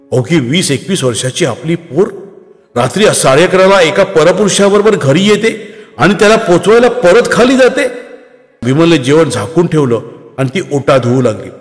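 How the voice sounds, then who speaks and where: A man telling a moral story in calm, scripted narration. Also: on the high side. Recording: long reverb, faint music.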